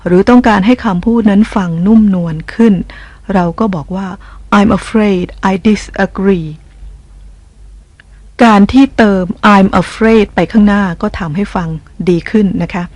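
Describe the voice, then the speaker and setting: A woman teaching as a language teacher, narrating a scripted lesson in a gentle, polite explaining tone. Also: mid-range voice, normal speed, no room sound. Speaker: English teacher.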